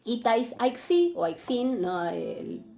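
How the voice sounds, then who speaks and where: A woman giving a patient, explanatory university lecture, often pausing on fillers and checking questions. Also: a little high, big pitch swings, gravelly, warm tone. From Argentina. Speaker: university Greek teacher. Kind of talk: recorded online lecture.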